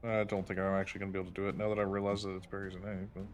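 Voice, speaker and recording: A man's voice: low voice, little pitch movement, very fast. A man playing a character in a tabletop game, casually stating his moves and swearing now and then. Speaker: player.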